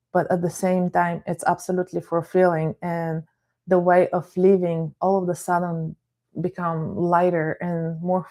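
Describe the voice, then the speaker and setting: Greeting her viewers individually by name, a middle-aged woman from Bulgaria, a therapist and life coach, speaks calmly and explains things during a live broadcast. Her pitch is fairly low.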